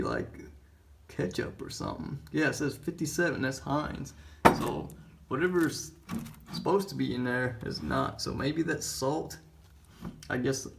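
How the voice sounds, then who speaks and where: A man's voice: mid-range voice, vocal fry. A man giving a casual, hesitant walk-through narration as a vlogger, thinking aloud inside a small concrete underground space. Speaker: vlogger showing a place. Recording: echoey underground room, noticeable background noise.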